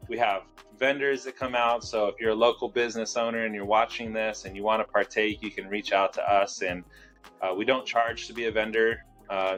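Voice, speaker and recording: Man, low voice, interview guest, casual, filler-heavy, faint background music. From Southern California. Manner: relaxed, many fillers. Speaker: fitness studio owner, guest.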